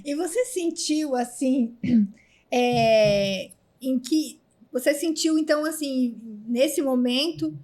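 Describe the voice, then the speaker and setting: A woman host asking an interview question in a hesitant, halting way. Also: sits high, a little mellow.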